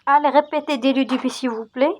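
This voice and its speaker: A woman English teacher with a high-pitched, fairly even voice speaks a little fast against slight background noise. Taking a class through vocabulary, she says each word several times and coaxes the learners to repeat after her, louder.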